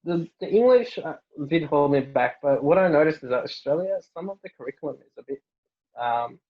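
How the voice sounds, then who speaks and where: His pitch sits fairly high and he talks a little fast as this young Norwegian doctor casually handles interview questions, stumbling into fillers and restarts. The audio is dull.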